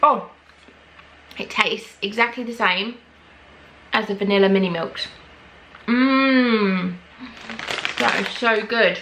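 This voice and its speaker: A young English woman chatting excitedly as she tries snacks on her vlog at home, gasping at what she finds. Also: medium pitch, slow, pauses often, slight background noise, poor audio. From England. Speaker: vlogger. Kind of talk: casual snack-tasting vlog.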